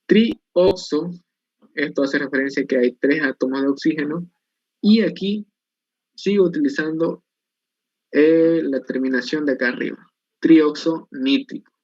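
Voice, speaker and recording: A man with a somewhat high-pitched voice leads an online chemistry lesson. He walks through each step, posing questions and answering them himself. The recording is dry and a little muffled. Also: moderate pace, a little mellow, no echo. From Bolivia. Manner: explains step by step, asking and answering his own questions. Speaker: chemistry instructor. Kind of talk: online class lecture.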